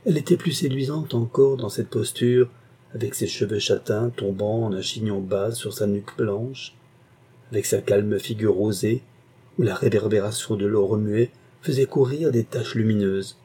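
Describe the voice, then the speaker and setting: A man narrating a classic novel in a measured, expressive reading. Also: lowish voice, husky. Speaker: audiobook narrator. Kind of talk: literary narration.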